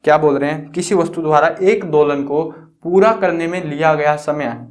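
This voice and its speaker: A man's voice: on the high side, normal speed. A young man teaching school science in a chatty, teasing way, asking questions and answering them himself. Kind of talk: casual classroom explanation.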